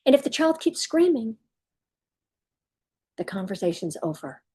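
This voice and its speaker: A woman with a slightly husky, fairly high voice coaching parents. She talks emphatically and turns straight to the listener as if to a mother in front of her. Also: big pitch swings, unhurried, dark tone. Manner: emphatic, addresses parents directly. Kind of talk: direct-to-camera parenting advice.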